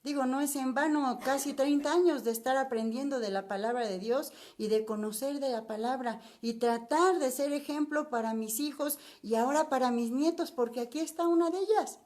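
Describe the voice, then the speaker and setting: Older mexican lady teaching bible study, high voice, chatty, keeps asking the listener questions. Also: normal speed, few pauses, darkish tone.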